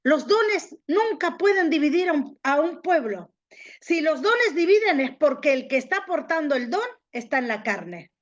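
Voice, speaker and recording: A woman's voice: sits high, sing-song, a little slow. A woman prophet teaching a Bible training class in an emphatic preaching style, repeating key phrases for stress. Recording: dull lo-fi recording.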